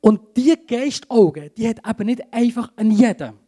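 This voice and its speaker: A man with a Swiss German accent preaching a sermon in church, swinging between urgent emphasis and a hushed tone. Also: very high voice, lively intonation, normal speed. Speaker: pastor. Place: church service.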